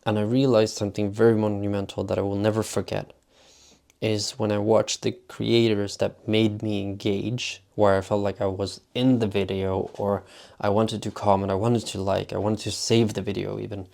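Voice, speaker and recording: Gravelly low-voiced vlogger man. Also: little pitch movement, moderate pace, darkish tone. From Sweden. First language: Swedish. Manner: rambling, filler-heavy with constant "like". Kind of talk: casual vlog talk.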